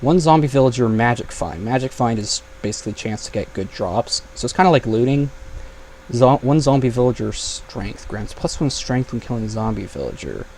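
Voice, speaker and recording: Casting note: young male gamer, gravelly edge, chatty and thinking aloud, faint hiss behind. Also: mid-range voice, animated, fairly quick, darkish tone. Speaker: gaming YouTuber. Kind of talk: casual gameplay commentary.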